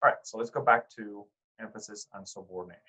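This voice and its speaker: A male art teacher talks through a recorded lecture in a somewhat low voice. He speaks conversationally, trips over words and corrects himself, and turns to his students with direct questions. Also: fairly even intonation, fast talker, sharp tone, rough recording. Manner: conversational, with frequent fillers and restarts.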